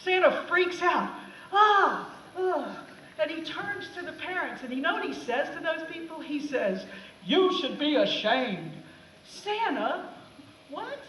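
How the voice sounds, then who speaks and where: A woman teacher jokes sarcastically through a film for her class, her voice high. She sounds far from the mic in an echoey classroom, with faint noise behind. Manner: sarcastic, animated. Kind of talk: comic classroom talk over film clips.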